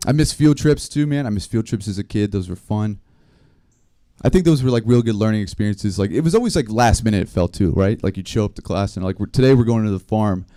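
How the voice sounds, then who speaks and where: A man doing a stand-up comedy set, telling rambling stories in a deadpan way. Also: on the low side, brisk, dry recording, studio quality. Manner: deadpan, rambling storytelling with small laughs. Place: live comedy stream venue.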